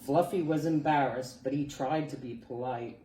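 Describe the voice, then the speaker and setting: A woman reading a children's picture book aloud as a storytime reader, expressive and deliberate. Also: very deep voice. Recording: roomy, distant mic, faint background noise.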